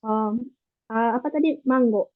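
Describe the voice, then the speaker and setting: A woman's voice: a little high, unhurried, dry recording. Woman teacher on tinny call audio. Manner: patient explaining, frequent tag questions. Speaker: Japanese language teacher. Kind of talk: online class lesson.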